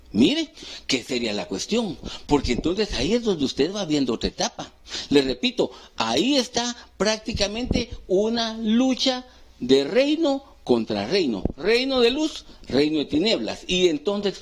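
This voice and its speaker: A man preaching a sermon as pastor, asking the congregation questions and answering them himself, swinging between loud rising calls and hushed low phrases. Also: breathy edge. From Guatemala. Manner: call-and-response questions to the congregation.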